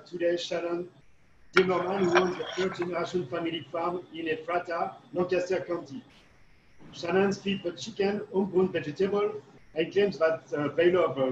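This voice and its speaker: A man's voice: sits high, fairly even intonation, normal speed, roomy sound, lo-fi sound, background noise. A man, a chef giving a prepared video message with some hesitations.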